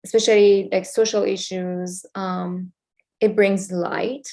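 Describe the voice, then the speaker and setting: A woman from Iran with an Iranian accent, a filmmaker guest talking in a thoughtful, halting way with many fillers. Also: mid-range voice, level tone, warm tone. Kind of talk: casual interview.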